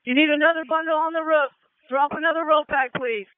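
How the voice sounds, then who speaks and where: A man with a very high, strained voice directs a fire scene in short, brisk commands. He comes through a narrow, tinny two-way radio channel that sounds dry and boxed in, with no room around the voice. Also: fairly even intonation, no echo. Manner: brisk, clipped orders. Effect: two-way radio transmission. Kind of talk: fireground radio traffic.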